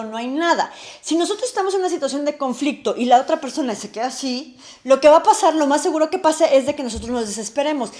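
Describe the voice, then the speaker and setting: A woman hosting an advice video, animated, posing rhetorical questions and answering them herself. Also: sits high. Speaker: advice vlog host. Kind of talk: talking-to-camera advice lesson.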